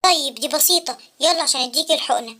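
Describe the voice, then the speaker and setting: A voice actor playing a wise, kindly old male inventor animal in an Egyptian cartoon, speaking calmly and reassuringly with an Egyptian Arabic accent. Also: high-pitched, racing, noisy background, close to an everyday voice. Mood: soothing.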